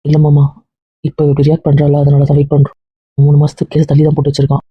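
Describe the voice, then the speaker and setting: A man voicing a calm young man who explains and reassures, with a husky voice. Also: on the high side, very fast, dry recording. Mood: explaining. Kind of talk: Tamil family drama dialogue. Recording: dull dry lo-fi recording.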